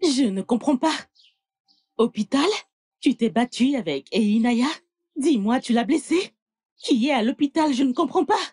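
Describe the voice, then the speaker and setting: A woman's voice: fairly high pitch, animated, unhurried, a little mellow, husky. A woman dubbing an anxious mother in a film drama, pressing with urgent questions. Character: anxious mother of an injured daughter.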